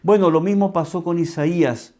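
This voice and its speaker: Chilean male pastor; slow, emphatic preaching with a slightly high voice. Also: fairly even intonation, warm tone. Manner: slow, emphatic teaching with repeated key words. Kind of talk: sermon.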